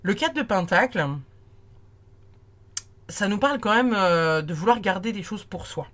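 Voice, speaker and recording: A woman giving a casual tarot reading, chatty and warm in tone, with many fillers and restarts. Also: medium pitch, unhurried. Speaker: tarot card reader.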